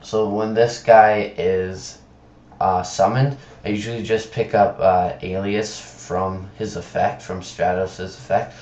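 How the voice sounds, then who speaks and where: A man giving casual commentary on a screen recording, halting and stumbling over words, sick with a sore tongue and throat. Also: level tone, darkish tone. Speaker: presenter of card game videos. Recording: dull, roomy low-fi computer mic.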